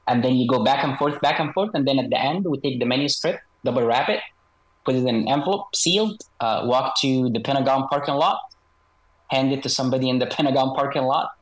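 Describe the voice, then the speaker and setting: A man speaking through an electronic voice disguise as a guest author in a video-call interview, measured and hesitant with frequent fillers. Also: mid-range voice, low-quality recording. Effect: voice electronically altered to disguise identity. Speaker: guest author, former special operations soldier.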